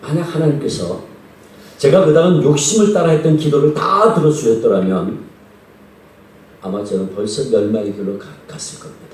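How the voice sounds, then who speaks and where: A man's voice: mid-range voice, moderate pace, a little mellow. A male pastor preaching a revival sermon in a church, talking conversationally and asking the congregation questions. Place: church sanctuary. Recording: echoey church hall, distant mic.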